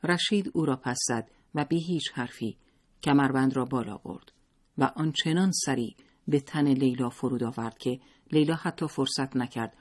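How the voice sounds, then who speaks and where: Man, husky voice, steady story narration, mid pitch.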